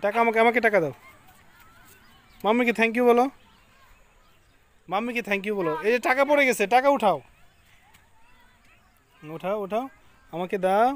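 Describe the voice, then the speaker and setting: A young man and father talking outdoors in a park, gently coaxing and soothing his crying child. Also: sits high. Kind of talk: casual family outing talk.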